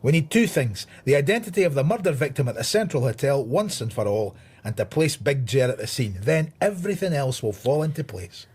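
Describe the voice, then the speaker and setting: Husky, wry Scottish police detective Rebus. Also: male voice, medium pitch, sing-song, a little fast, a little mellow. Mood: terse, frustrated. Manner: dry, sardonic. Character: wry, stubborn maverick male police detective inspector. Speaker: lead actor and narrator. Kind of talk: radio drama acting and first-person narration.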